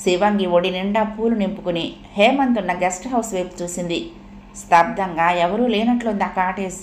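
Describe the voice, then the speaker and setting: A woman narrating a serialized story aloud at a steady pace. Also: medium pitch, normal speed, slight background noise. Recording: echoey room.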